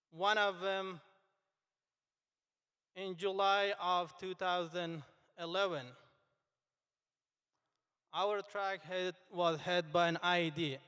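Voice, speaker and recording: In a large, echoing hall with long reverb, a high-voiced young man from Afghanistan who grew up speaking Dari addresses graduates. His delivery is earnest, halting and unhurried, and his voice comes across smooth, clear and fairly bright.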